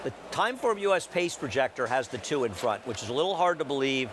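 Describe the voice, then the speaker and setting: A man's voice: medium pitch, very animated, fast talker, a bit bright. A man giving live horse racing analysis in conversation, outdoors at a racetrack. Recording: noisy outdoor trackside broadcast.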